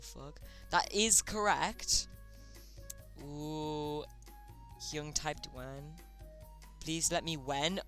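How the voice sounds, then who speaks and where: Bright chatty streamer running a chat game, trips on words a lot, bit of music in the back. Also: medium pitch, clean tone. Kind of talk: casual live-stream commentary.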